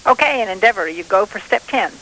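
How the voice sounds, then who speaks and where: Brisk, bright mission control voice over distant radio. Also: mid-range voice, expressive. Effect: distant radio transmission. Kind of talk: terse radio procedure.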